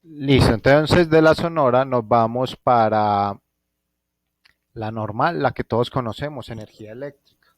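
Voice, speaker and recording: A man's voice: mid-range voice, a little slow, no echo. A Colombian man teaching a physics class online from home, thinking aloud and often checking in with his students. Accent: Colombian Spanish. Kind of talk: live online class lecture.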